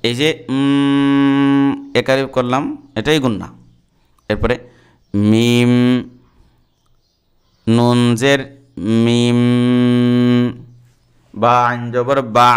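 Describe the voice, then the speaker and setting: A man teaching Quran reading, spelling out letters and vowels one by one and then chanting the words slowly. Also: medium pitch, clear, resonant tone. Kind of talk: step-by-step recitation lesson.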